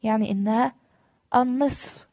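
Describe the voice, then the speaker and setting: Woman, Egyptian Arabic accent, English teacher, slow drawn-out examples, dry close mic. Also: a little high, mellow, no room sound. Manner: slow, drawn-out model phrases between quick explanations. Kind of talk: beginner language lesson.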